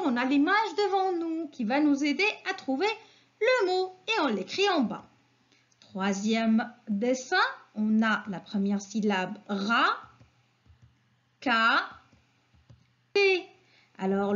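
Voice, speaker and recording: Woman teacher, high lively voice, slow patient kindergarten phonics lesson, slightly dull lo-fi recording. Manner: slow, patient, questioning children and praising them.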